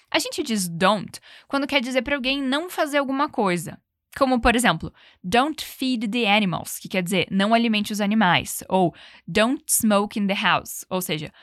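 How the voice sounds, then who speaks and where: Lady teacher doing english repeat-after-me drills, kinda high voice, super dry close mic. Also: fairly bright tone, dry recording. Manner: clear, encouraging, slows down to model pronunciation. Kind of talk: bilingual language lesson, repeat-after-me drills.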